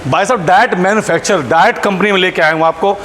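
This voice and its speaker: Excitable guy doing hard sell promo, high voice, keeps repeating stuff, echoey w some vehicle noise. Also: quick pace. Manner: excitable, exclamatory, repeats phrases for hype. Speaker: video host promoting a dealer. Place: vehicle showroom and factory. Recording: echoey, noisy space with vehicle sounds.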